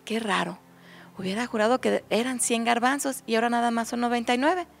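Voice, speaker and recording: A woman voicing a kindly fairy disguised as a poor old woman in a spoken storybook, speaking softly and calmly. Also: on the high side, a little fast, vocal fry, faint music behind. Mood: puzzled.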